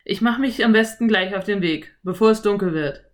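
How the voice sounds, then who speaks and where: A woman voicing a lanky, friendly male cowboy in an audiobook, speaking loudly with an easy, self-assured drawl. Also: medium pitch, a little fast, natural voice. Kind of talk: audiobook character voice.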